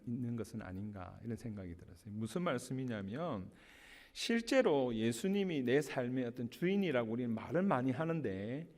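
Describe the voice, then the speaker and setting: Male pastor, mid pitch, storytelling sermon, big church hall reverb. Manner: storytelling with warm anecdotes and light laughs. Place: church sanctuary.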